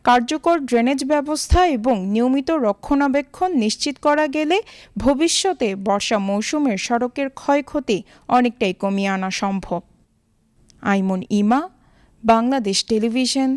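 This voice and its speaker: A woman reporter reading a scripted television news voice-over in a formal, measured way. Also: fairly high pitch, a little mellow, clean tone, no echo, clean studio sound.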